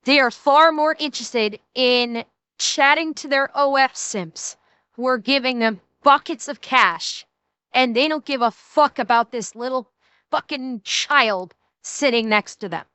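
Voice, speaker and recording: A woman's voice: high-pitched, pushed and bright, smooth, no echo. A woman streamer reacting to video clips in blunt, sweary, casual commentary.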